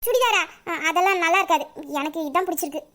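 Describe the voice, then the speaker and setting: A woman voicing a sharp-tongued young office assistant in an audio drama, grumbling asides under her breath. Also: extremely high pitch, lively intonation, fast talker, full character voice. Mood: sweet. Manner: grumbling asides, exasperated muttering. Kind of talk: Tamil audio drama acting.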